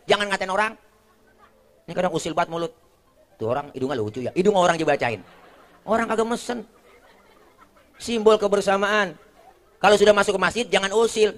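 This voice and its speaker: Man, Betawi accent, comic preacher, pitch sits a bit high; bantering with the crowd, quick put-on voices. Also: a bit bright. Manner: jokey, keeps asking the crowd for agreement. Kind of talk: comic sermon.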